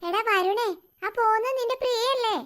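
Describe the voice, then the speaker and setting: A woman's voice: very high-pitched, moderate pace, fairly bright tone. A woman voicing a teasing young male sidekick in a cartoon, doubtful of his friend's plans. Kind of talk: cartoon voice acting.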